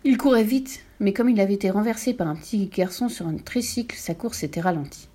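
Warm-voiced woman reading a storybook. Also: mid-range voice, breathy edge. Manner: calm, measured narration. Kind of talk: reading a children's book aloud.

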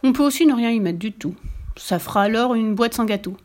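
A woman's voice: fairly high pitch, brisk, darkish tone, natural voice. A woman voicing a cheeky, cheerful, fearless little girl in a storybook reading, bubbly and boastful. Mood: joyful.

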